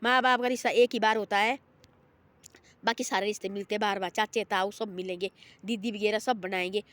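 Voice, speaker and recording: A woman's voice: medium pitch, steady tone, brisk, a bit bright. A woman telling an informal moral story, rambling and repeating herself and voicing the people in it. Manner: rambling and repetitive, voices the people in her story.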